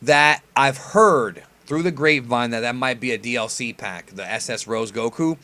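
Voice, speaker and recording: A man's voice: mid-range voice, moderate pace, bright, forceful tone. A man giving casual fan commentary as host of a reaction video, informal and a bit sweary. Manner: informal, mildly profane slang. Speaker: host reacting to an anime preview.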